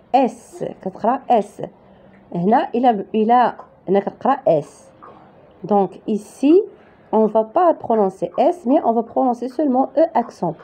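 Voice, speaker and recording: A woman's voice: a little high, mellow. A woman teaching French reading, spelling words out letter by letter and checking with "d'accord?". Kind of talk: slow spelled-out reading lesson. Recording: dull lo-fi home recording.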